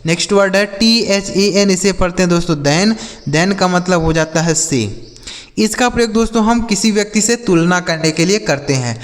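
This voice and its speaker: Recorded in a large hall, a high-pitched man leads a slow vocabulary lesson, spelling each English word letter by letter and saying its meaning again several times.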